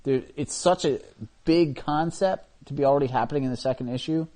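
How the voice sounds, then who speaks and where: Excitable opinionated man, slightly high voice. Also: a little fast. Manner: opinionated, excitable, trails off and restarts. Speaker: podcast co-host. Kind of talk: casual chat about comic books.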